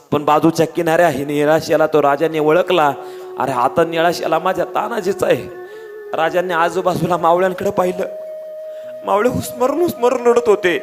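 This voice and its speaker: A man's voice: fairly high pitch, fairly bright tone. A man delivering a dramatic historical story as an orator, emotional and addressing the crowd directly. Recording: long hall reverb with faint music.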